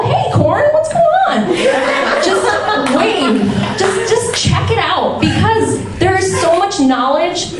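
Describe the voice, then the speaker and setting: A woman telling a funny personal story on stage, animated and self-mocking, laughing as she goes. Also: sits high, far from the mic. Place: stage before a live audience. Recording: roomy hall, mic from afar, audience. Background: audience laughter.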